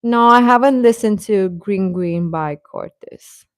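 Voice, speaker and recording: A young adult woman hosts a live stream, chatting informally with viewers and chuckling often as she talks. Her medium-pitched voice is unhurried, and the recording is dry and of studio quality.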